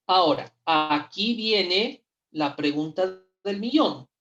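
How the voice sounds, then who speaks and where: A woman teaching English in in an online class, patient and repeating each word slowly for pronunciation. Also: fairly low pitch, animated, a bit bright, highs cut off. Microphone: computer mic on a video call.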